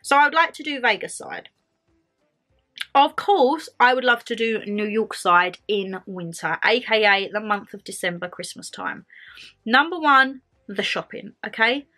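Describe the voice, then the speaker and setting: A young English vlogger with a fairly high, pushed and bright voice chats casually to camera from her bedroom, her intonation lively and her pace a little slow. She's bubbly and gestures as she talks, though still getting over a cold.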